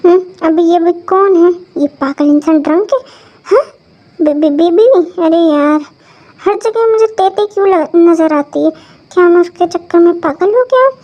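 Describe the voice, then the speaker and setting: A woman's voice: very high-pitched, normal speed. A woman voicing a drunk, lovesick young man who slurs and stammers. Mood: drunk grumbling. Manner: slurred, stammering speech. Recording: dull lo-fi recording.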